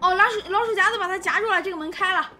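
A woman's voice: very high-pitched, rapid-fire, soft background music. A woman chatting casually while playing a co-op game, full of exclamations and repeated short phrases. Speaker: co-op game player. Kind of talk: casual gameplay chat. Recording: loud game sound effects and gunfire behind.

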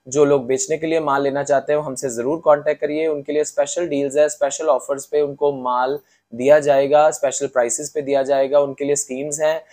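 Earnest man pitching his shop. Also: a little mellow. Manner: earnest, repeats web details slowly. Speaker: shop owner presenting products. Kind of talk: sales pitch to camera. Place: indoor showroom, on a sofa. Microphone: lapel mic.

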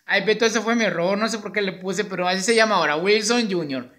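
A man's voice: high voice, fast, pushed and bright. Playful chatty male teacher. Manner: playful, chatty, laughs easily. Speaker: schoolteacher. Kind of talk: casual chat with a puppet.

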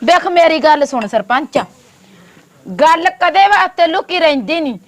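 A woman playing a fiery sharp-tongued village woman. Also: very high voice, animated. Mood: scolding. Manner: scolding, quick retorts. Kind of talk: amateur village comedy drama.

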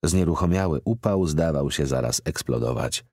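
Deep, expressive male audiobook narrator. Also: no room sound. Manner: measured, expressive reading. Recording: dry close studio recording.

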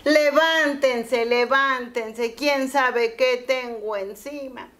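A woman voicing a lazy, stubborn young village man who drawls his words slowly. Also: sits high, a bit bright, heavily acted. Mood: alarmed. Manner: slow, drawn-out pleading.

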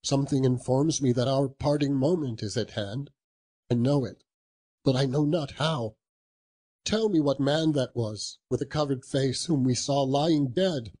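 A man's voice: mid-range voice, a little slow, dark tone, husky, pitched above the performer's own voice. A man reading a storybook voices Scrooge, an old male miser, fearful and imploring. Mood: pleading. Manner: earnest, imploring.

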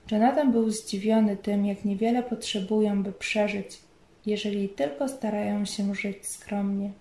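A woman narrating a story in a measured, storytelling manner. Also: mid-range voice, warm tone. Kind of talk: scripted narration. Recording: roomy echo.

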